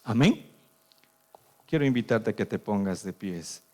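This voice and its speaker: A man with a Bolivian Spanish accent, a pastor preaching a sermon, swinging from sudden loud rises down to soft, quiet drops. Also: on the low side, animated, measured pace.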